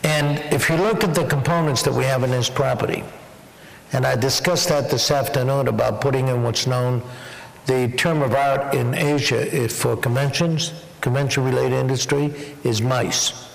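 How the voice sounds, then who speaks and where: A man's voice: mid-range voice, fairly even intonation, moderate pace, creaky. A man answering questions as the honored guest at an onstage dinner interview, wry and joking. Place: large banquet hall. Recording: echoey banquet hall.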